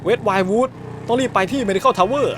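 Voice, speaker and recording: A man's voice: very high-pitched, normal speed, slight background noise. A man giving crude, joking let's-play commentary, swearing freely and dubbing the game's dialogue in his own voice. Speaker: gaming YouTuber.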